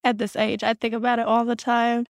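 Brisk and level in tone, a young adult woman with a fairly high voice speaks as a guest in a candid, conversational interview. Originally from South Sudan and raised in Kenya and Australia, she is reflective and earnest and restarts often, in clean studio sound with no room sound.

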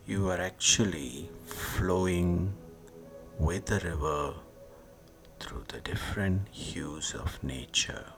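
A meditation guide leads a sleep meditation in a low voice, speaking soothingly in short, hushed phrases with long pauses and often fading to a breathy whisper. Meditation music plays behind his narration.

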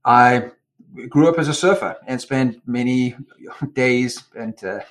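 A South African man in his forties, a company founder, giving measured explanatory answers in an interview, trailing off with "et cetera". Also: mid-range voice. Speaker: guest, company co-founder and CEO.

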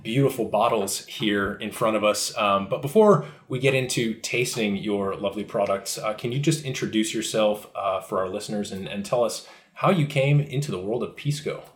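A man's voice: on the low side, normal speed, hardly any pauses, slightly rough. A man hosting a drinks podcast, reading an intro and then asking friendly questions with some fillers. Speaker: podcast host. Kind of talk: scripted intro then casual interview.

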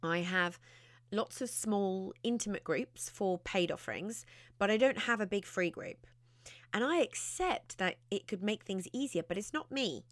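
A woman's voice: mid-range voice, expressive, a little slow, no room sound, clean studio sound. A woman hosting her own podcast, talking straight to the listener in a chatty, emphatic way. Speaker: podcast host, success mentor. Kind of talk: podcast monologue.

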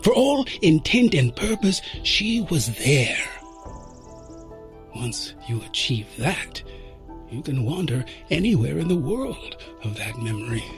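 Guy doing a dreamy old time traveler, stammery, slow, higher and lilting, faint music under it. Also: big pitch swings, full character voice. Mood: musing. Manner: wistful, lecturing, with small stammers.

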